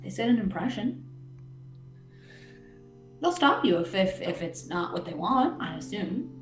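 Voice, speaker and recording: A woman playing a tabletop game, talking others into plans in a lively way. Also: mid-range voice, measured pace. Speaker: player. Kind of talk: casual tabletop role-play. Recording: echoey room, clear background music.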